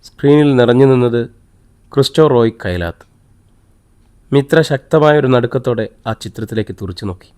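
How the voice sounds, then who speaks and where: A man narrating a story audiobook in a steady, measured reading voice. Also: mid-range voice.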